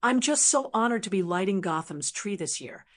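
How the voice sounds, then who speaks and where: A woman voicing a ditzy young female model who coos in a breathy voice. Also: medium pitch, expressive, moderate pace, lightly acted. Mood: cooing.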